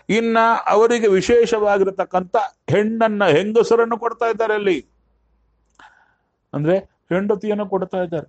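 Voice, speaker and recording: Slow, lively male scripture discourse. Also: a little high, no echo, lo-fi sound. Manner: chants verses slowly, then explains in conversational tones. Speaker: religious discourse speaker. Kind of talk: spiritual discourse with scripture recitation.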